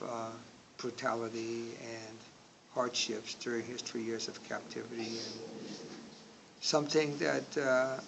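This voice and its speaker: A man in his sixties from Indonesia, speaking slowly in an oral history interview, with frequent pauses and filler words. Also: medium pitch, vocal fry. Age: 60s. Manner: slow, hesitant, many filler words. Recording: audible background noise.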